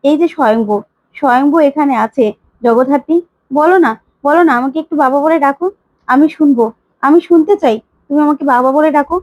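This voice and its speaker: A woman's voice: sits high, a little fast, a little mellow, no room sound, dull audio, natural voice. A woman voicing an emotional older man who keeps pleading to be called father. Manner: pleading, repeats his plea.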